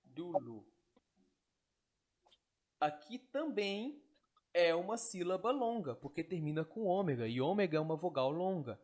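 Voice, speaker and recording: A man with a high, expressive voice and a darkish tone teaches Greek in an online lesson. He explains step by step and checks in with quick tag questions.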